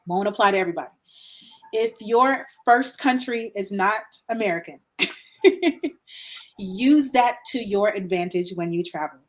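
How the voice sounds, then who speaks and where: Guesting on a laid-back podcast, a Guyanese woman talks with animation at a measured pace and medium pitch. She drives points home with emphatic repeats and breaks into laughter frequently.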